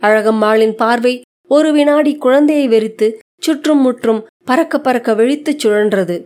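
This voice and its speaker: A woman reads a short story aloud with a measured, expressive delivery. Her voice sits fairly high, steady and clear, in plain scripted narration.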